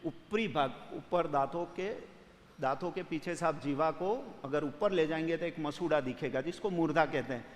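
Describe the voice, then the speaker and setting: A man's voice: on the high side, moderate pace, big-room sound. A man teaching grammar for an exam, explaining step by step and putting students' questions to himself. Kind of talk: exam-prep lecture solving questions.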